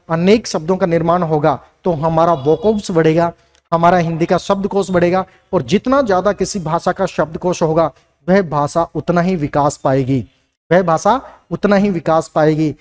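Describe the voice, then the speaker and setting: Hindi teacher quizzing himself aloud. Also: male voice, high-pitched, a little mellow. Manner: asks questions and answers them himself, repeats key lines. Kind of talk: classroom lecture.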